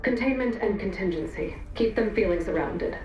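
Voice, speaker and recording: An actress playing a cold, exacting commander in a game, giving curt, menacing orders. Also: female voice, medium pitch, moderate pace, darkish tone, dull audio, close to an everyday voice. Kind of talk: scripted video game drama. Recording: echoey room, music behind.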